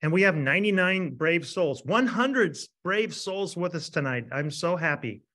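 A man in his fifties gives an energetic webinar lecture as a dentist. His voice sits fairly high and he keeps checking in with the listeners by asking "right?". He sounds animated throughout. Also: moderate pace. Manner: animated, asks rhetorical "right?" often.

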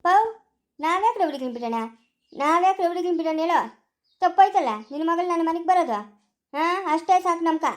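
Woman doing a bickering village auntie in a family skit, super high voice, talks fast. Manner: scolding, bickering. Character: quarrelsome sharp-tongued village woman.

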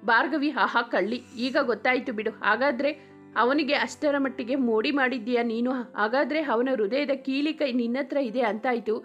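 A woman reading the lines of a gentle older mother in a story, speaking tenderly. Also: a little high, a little fast, lo-fi sound, faint music behind, natural voice. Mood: affectionate.

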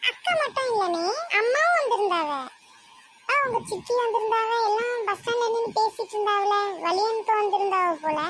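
A woman's voice: very high voice, brisk, a bit bright. A woman voicing a young tattletale neighbor boy in a family cartoon, chatty and gossiping.

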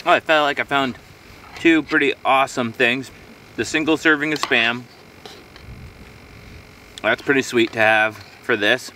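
A man's voice: mid-range voice, a little slow, pauses often, pushed and bright, far from the mic, slight background noise. Rambling man vlogging outdoors in winter. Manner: rambling, easygoing, talking to himself while eating. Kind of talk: casual solo vlog. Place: outdoors on a frozen lakeshore in winter. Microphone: camera on a tripod a few metres away.

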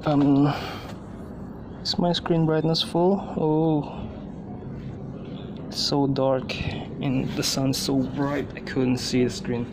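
A man with a medium-pitched, flat-sounding voice talks slowly with long pauses, muttering short bursts and exclamations to himself as he does a task. It's a casual self-narrating vlog on a tiled home balcony outdoors, with clear ambient outdoor noise and passing vehicles.

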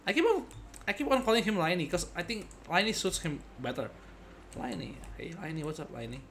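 A young game streamer gives casual, jokey playthrough commentary from an indoor desk with game music behind him. His voice sits high with big pitch swings and a fairly quick pace, and he often hesitates and repeats himself; a little hiss or hum is audible.

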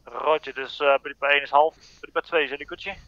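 A man giving halting, procedural radio-style reports to his team during a military game. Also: on the high side, steady tone, no echo, dull audio. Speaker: squad player reporting over team comms.

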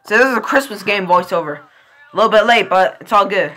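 A woman hosts a casual reaction video, talking in an excitable, slang-heavy way with frequent swearing. Her voice is bright and forceful. Her pitch jumps around in a lively way. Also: fast talker. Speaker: reaction channel host.

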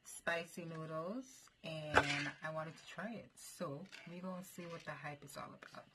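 A woman's voice: low-pitched, fairly even intonation, unhurried. A young woman chatting casually to her viewers in a food-challenge vlog, calling them y'all. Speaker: vlogger. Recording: noisy home recording.

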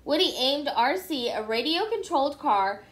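A woman reads a children's storybook aloud with expressive, animated delivery. Her voice is high, and the room around her echoes. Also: normal speed. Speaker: storybook reader. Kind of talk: reading a children's book aloud.

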